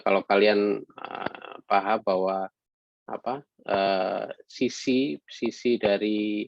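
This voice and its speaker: A man lecturing to students in a halting way, with many fillers and some read-out English phrases. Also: fairly low pitch, vocal fry, dry recording. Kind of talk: online lecture. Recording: dull lo-fi sound.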